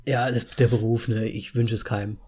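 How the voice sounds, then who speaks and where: A man's voice: fairly low pitch, flat delivery, fairly quick, darkish tone, slight background noise. A man in his late thirties co-hosting a podcast in casual chat, talking in a rambling, chatty way and laughing often. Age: 30s. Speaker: podcast co-host.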